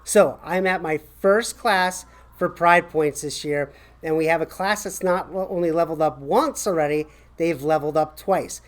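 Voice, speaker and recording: A man's voice: on the high side, normal speed. An American man in his forties giving casual, enthusiastic school announcements to a camera in a classroom, chatty and encouraging. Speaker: school staff host of morning announcements. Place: small classroom, indoors.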